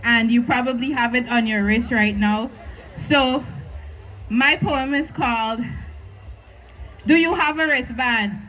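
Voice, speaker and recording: A woman's voice: fairly high pitch, takes it slowly, pauses often, fairly bright tone, rough recording. A woman in her twenties performing spoken word poetry on stage at a live venue, with a rhythmic, emphatic delivery. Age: 20s.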